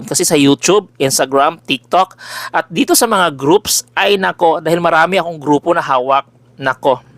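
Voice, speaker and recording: A man with a big, loud voice who runs a folk-healing page, talking casually and animatedly to his followers with jokey exclamations. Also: fairly high pitch, dry recording. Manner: chatty and exclamatory, switching between Tagalog and English, jokey asides. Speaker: folk healer selling remedies, page owner. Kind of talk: casual direct-to-camera address to followers.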